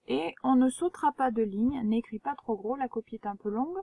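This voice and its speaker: A woman teacher giving a dictation lesson to children, spelling words letter by letter and gently pointing out traps. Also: a little high, brisk, gravelly, dry recording. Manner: gentle, reminding pupils of traps. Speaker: primary school teacher.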